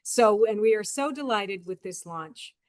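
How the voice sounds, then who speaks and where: An earnest woman speaks over a video call, urging her listeners to give support. Her voice sits at an ordinary middle pitch. The sound is dry and close, with no room echo. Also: animated, measured pace, darkish tone. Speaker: guest speaker supporting the program.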